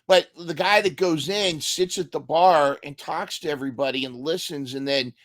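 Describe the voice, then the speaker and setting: A man's voice: on the high side, normal speed, fairly bright tone, no echo, studio quality. A man hosting a casual podcast interview, thinking aloud and often repeating and restarting his words. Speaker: podcast host.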